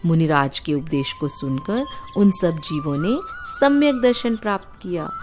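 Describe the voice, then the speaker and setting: An Indian woman tells a moral story to children in an animated way, her pitch rising and falling with energy. She speaks slowly and explains as she goes, asking her young listeners questions and defining words for them. Music can be heard clearly in the background.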